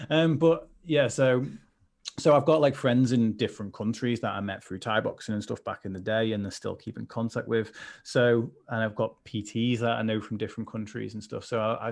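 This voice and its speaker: A man's voice: on the low side, a little mellow. A man, a mental health coach, chatting earnestly on a livestream, rambling with many restarts. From United Kingdom. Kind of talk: casual conversation on a livestream.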